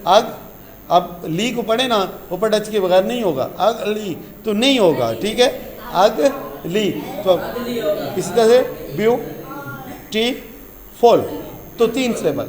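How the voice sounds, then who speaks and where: High-voiced man teaching a class. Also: moderate pace. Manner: quizzes the class, repeating key terms; calls students "beta". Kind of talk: classroom grammar lesson.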